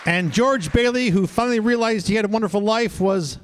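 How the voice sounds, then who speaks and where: A man with a high voice announces the cast credits live on stage at a show, speaking fairly quickly. The recording comes from a live venue and is noisy, with a faint crowd audible.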